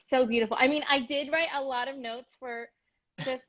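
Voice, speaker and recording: A woman's voice: high-pitched, steady tone, normal speed, a bit bright, lo-fi sound. A woman hosting a casual live-stream chat, effusive and gushing, with lots of fillers. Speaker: host. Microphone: video call.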